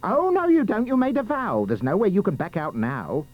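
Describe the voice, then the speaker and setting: A man's voice: high voice, wildly swooping pitch, normal speed, muffled recording, voice pushed up, exaggerated voice. Man putting on a screeching, pushy ugly stepsister. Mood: insistent. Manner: screeching, insistent. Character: pushy, gloating ugly stepsister, a grasping woman. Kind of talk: storybook verse character voice.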